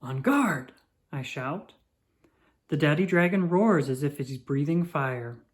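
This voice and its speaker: This is a storyteller reading from a children's picture book, delivering it with expression at a steady, measured pace. The voice sits in the middle range.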